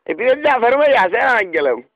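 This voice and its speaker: A man with a Cypriot Greek accent pleads and rambles theatrically through a radio prank call, cooing pet names. His voice is high and swings widely in pitch. The sound is dry and slightly dull, as from a radio recording. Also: very animated, no echo.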